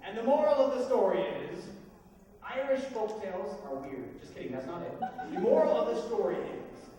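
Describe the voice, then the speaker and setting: A man telling a folktale to children in an animated, playful, expressive way, recorded from afar in an echoey hall. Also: high voice, moderate pace, distant mic, lo-fi sound, slight background noise. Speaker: storyteller.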